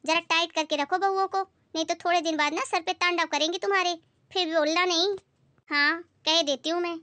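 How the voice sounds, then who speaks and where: A woman's voice: very high-pitched, fairly even intonation, fairly quick, sharp tone, no room sound. A woman playing a meddlesome, gossipy middle-aged neighbor in a comedy skit. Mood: gossiping. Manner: gossipy, breathless, busybody.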